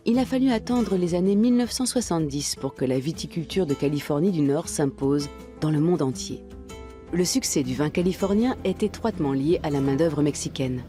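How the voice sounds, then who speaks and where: A woman reading scripted documentary narration in a measured, even way. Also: sits low.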